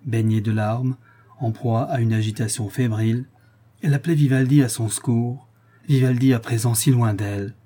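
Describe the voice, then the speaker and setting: A man reading a classic novel aloud as an audiobook narrator, in a measured storytelling manner. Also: medium pitch, dark tone, husky.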